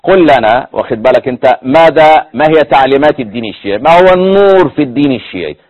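A man's voice: medium pitch, lo-fi sound. A man with an Egyptian Arabic accent hosting a studio debate show, questioning a caller and cutting in often. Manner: fast, animated, interrupting. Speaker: TV talk show host. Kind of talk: heated religious debate.

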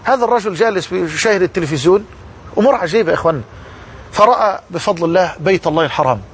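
A man's voice: high-pitched, lively intonation, very fast, a little hiss or hum. A man preaching a sermon with an Egyptian Arabic accent, telling a story fervently and repeating key words for emphasis.

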